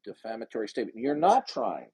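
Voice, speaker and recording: A man's voice: on the low side, sing-song, fast, a little mellow, slightly rough. A man hosting an online debate room, arguing in a confrontational, insistent way and repeating his demands. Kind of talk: argumentative live debate.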